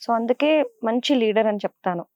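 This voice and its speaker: A young woman with a Godavari Telugu accent answers interview questions in a chatty, animated way, her voice sitting a little high. The sound is dry and close, with no room echo. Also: fairly quick, muffled recording. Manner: chatty and animated, with frequent fillers. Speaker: serial actress, interview guest.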